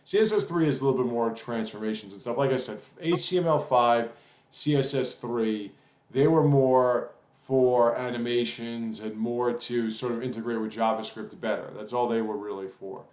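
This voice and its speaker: A man talks through a web coding lesson in a loose, rambling way, pausing to think aloud and filling gaps as he goes. His voice sits at an ordinary middle pitch. The recording has a noticeable roomy echo. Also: a little mellow. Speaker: web development tutor. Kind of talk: casual screen-recorded coding tutorial.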